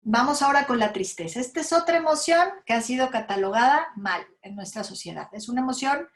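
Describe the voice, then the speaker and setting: A woman's voice: on the high side, lively intonation, a little fast. A woman with a Mexican accent giving a lecture to parents. She often adds tag questions and acts out what parents and children say. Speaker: speaker at a school talk on emotions.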